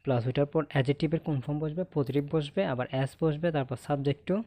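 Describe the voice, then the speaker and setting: Male grammar tutor with a Bangladeshi accent, warm and dark tone, brisk pace, quizzes the class and checks "okay?" often. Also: fairly high pitch, fairly even intonation. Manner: asks the class questions and answers them himself; ends points with a checking "okay?". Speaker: English grammar teacher. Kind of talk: recorded online lesson.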